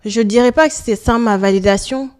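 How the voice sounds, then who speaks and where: A woman around forty from Senegal, answering interview questions in a hesitant, soft-spoken way with many pauses. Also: a little high, clear, resonant tone. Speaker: guest.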